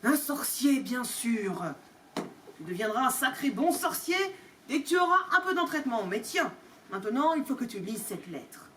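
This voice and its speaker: Woman doing a big gruff giant, booming and indignant, lively swooping voice, mic far off. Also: moderate pace. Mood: hearty. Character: huge gruff male giant groundskeeper. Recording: distant mic, faint room noise.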